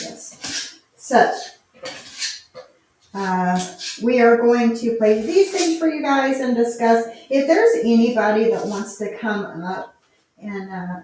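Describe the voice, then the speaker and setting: A woman's voice: a little high, darkish tone. A woman casually hosting a live chat from her bathroom, her voice ringing with a cave-like echo and repeating little words like "yes, yes.". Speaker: host of an online audio chat room. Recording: echoey bathroom, far from the mic, faint noise. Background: generator hum.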